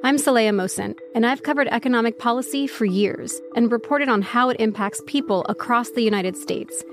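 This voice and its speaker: A woman's voice: fairly high pitch, moderate pace, soft background music. Woman reading a polished podcast promo. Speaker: podcast host in an ad. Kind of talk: scripted promo read.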